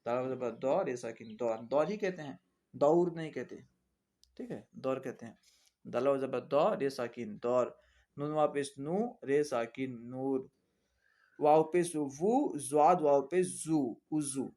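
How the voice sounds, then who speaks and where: A male teacher leads a reading lesson at an unhurried, deliberate pace. He spells out each letter and vowel mark, then says the whole word and repeats it. His voice sits at an ordinary middle pitch and stays patient throughout. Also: warm tone. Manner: spells out letters and vowel marks, repeating words aloud for students; patient, instructive.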